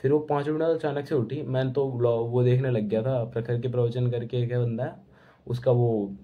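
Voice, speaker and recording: A man's voice: medium pitch, steady tone, a little fast. Young guy rambling about his trip, says bhai a lot, sounds like a tinny phone line. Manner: chatty, rambling, keeps saying bhai. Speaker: travel vlogger. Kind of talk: casual storytelling to camera. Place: at home.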